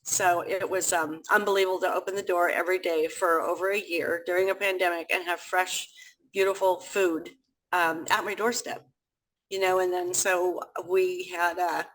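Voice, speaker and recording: A woman's voice: on the low side, moderate pace, rough recording. A woman who founded a community food pantry, telling her story in a casual interview over a video call and acting out what people said. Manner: animated, chatty, acts out quoted speech.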